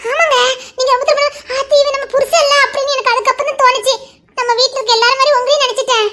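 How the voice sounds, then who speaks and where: A woman's voice: very high-pitched, steady tone, very fast, sharp tone. A woman acting as a playful, giggly young wife bantering with her husband. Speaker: actor in a romantic couple skit. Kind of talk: acted romantic dialogue.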